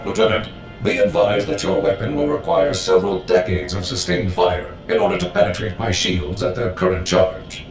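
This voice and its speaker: An actor playing a bombastic, fiercely patriotic war droid in a video game, with grandiose formal speech. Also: male voice, sits low, moderate pace, lightly acted. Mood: earnest, melodramatic. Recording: roomy echo, clear music underneath.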